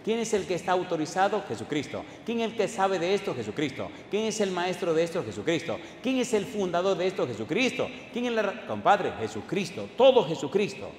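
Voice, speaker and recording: Preaching man, high voice, echoey hall. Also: big pitch swings, a little fast, hardly any pauses. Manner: repetitive call-and-response questions to the congregation; emphatic, building to loud declarations. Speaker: pastor. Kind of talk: sermon. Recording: echoey hall with faint background noise.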